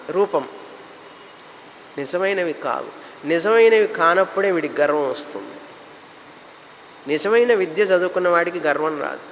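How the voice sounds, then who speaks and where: High-voiced man giving a spiritual talk. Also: a bit bright, long reverb tail, a little hiss or hum, low-quality recording. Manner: explanatory, lists terms in runs, mixes English words. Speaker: spiritual teacher. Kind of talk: spiritual discourse.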